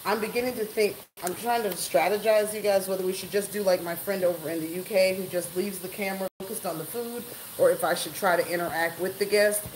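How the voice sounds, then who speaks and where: With a steady, mid-range voice and a slightly quick pace, a woman in her forties runs a relaxed live cooking stream from a spacious home kitchen. She calls out viewers by name and chats while she cooks, moving about at a distance from the camera on its tripod. The recording carries kitchen echo and faint background noise.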